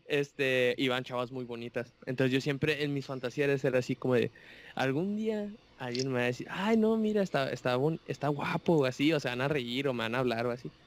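A man's voice: mid-range voice, fairly quick. A young man with a Mexican accent, chatting casually and acting out the voices of the people in his anecdotes. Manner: animated storyteller, acts out voices of others. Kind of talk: casual chat.

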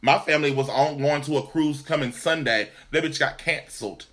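Sassy, animated man telling stories. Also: a little fast. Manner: sassy, animated storyteller with swings in pitch and loudness. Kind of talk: casual chat.

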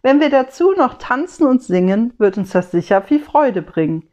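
Woman voicing a gentle, earnest Christ child. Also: fairly high pitch, sing-song, moderate pace. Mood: hopeful. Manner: soft, earnest rhymed speech. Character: gentle, wistful Christ child, small and patient.

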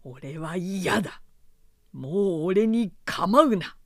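Young samurai lord as a reader puts him on, male, cold, curt, firm, slow. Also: on the high side, steady tone, darkish tone, dry recording, clean studio sound, natural voice. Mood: cold defiant. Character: young samurai lord, proud, weary of duty.

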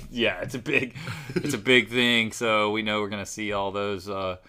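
A man's voice: on the low side, fairly even intonation, measured pace, bright, forceful tone, clean tone. A man from North Carolina, hosting a casual podcast in an upbeat, laid-back way. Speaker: podcast host. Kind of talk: casual chat. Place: small local studio.

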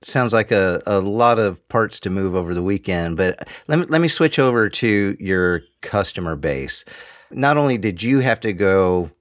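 A man with a lowish, animated voice hosts a podcast at a normal speed, and the recording is dry. He keeps the interview conversational and asks long questions with several parts.

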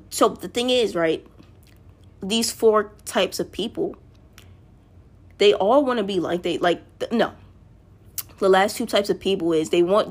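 Rambling woman chatting to her listeners. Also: medium pitch. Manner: rambling, self-correcting, often addresses listeners directly. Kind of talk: casual monologue to listeners.

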